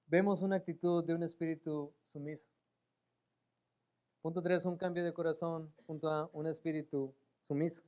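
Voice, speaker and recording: A man preaching a sermon in a church, acting out pleading voices and rising to loud emphatic peaks. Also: on the high side, level tone, moderate pace, highs cut off. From Mexico. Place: church sanctuary.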